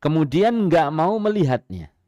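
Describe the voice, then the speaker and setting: A man's voice: a little high, measured pace, dry recording, dull audio. A man with a Javanese accent giving a radio sermon, telling stories with rhetorical questions and chuckles. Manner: animated, lively storytelling with rhetorical questions and chuckles. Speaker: Islamic preacher.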